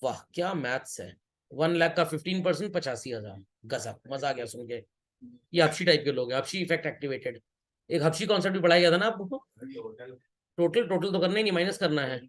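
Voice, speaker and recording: High-voiced teasing male teacher. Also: brisk. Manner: teasing, joking with students, mixing Hindi and English. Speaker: accountancy teacher. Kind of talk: classroom lecture.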